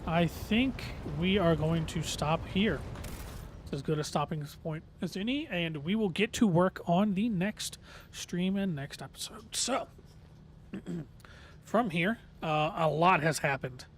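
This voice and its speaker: A man's voice: sits high, slow, slight background noise. A man livestreaming a game in casual, earnest, hesitant chat, his voice slightly reedy and tired from long talking.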